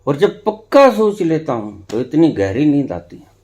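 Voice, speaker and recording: A man who is a spiritual teacher, giving a discourse to followers, swinging between hushed and emphatic and repeating phrases for effect. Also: a little high, sing-song, normal speed.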